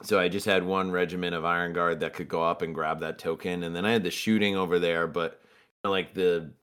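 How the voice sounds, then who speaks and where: A man's voice: low-pitched, flat delivery, brisk, fairly bright tone, smooth. A man on a podcast, methodically recapping his tabletop games in detail. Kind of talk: casual chat.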